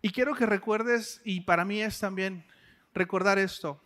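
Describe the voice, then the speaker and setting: A man's voice: high-pitched, moderate pace, a bit bright. A man preaching a sermon in a conversational way, asking the listener direct questions.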